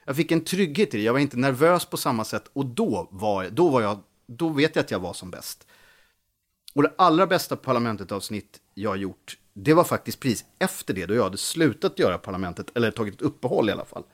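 A man, a comedian, telling stories in a casual podcast chat, animated and full of restarts. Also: medium pitch. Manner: animated storytelling with frequent restarts. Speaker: comedian guest.

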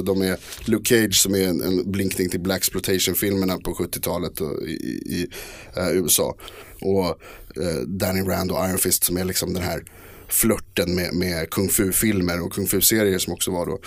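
A man's voice: sits low, steady tone, no room sound. A man in casual podcast chat, talking hesitantly with many fillers and restarts. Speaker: podcast co-host.

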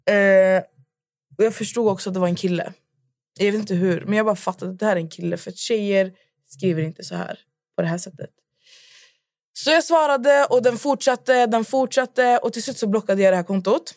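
Young woman, podcast co-host, lively storyteller who plays both parts; dry close sound. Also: mid-range voice, no echo. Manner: animated storyteller, acts out both sides of chats. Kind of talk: casual chat.

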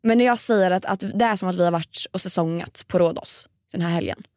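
A young woman co-hosting a casual podcast chat, relaxed and chatty, her voice a little hoarse. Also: fairly low pitch, dry recording, studio quality. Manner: relaxed, chatty, frequent filler words. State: slightly hoarse voice. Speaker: podcast co-host.

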